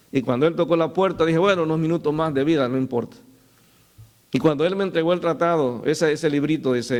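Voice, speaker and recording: Middle-aged pastor guy preaching, slightly high voice, tells stories, keeps saying brother. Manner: storytelling, addresses listeners as "hermano". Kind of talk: sermon with personal stories.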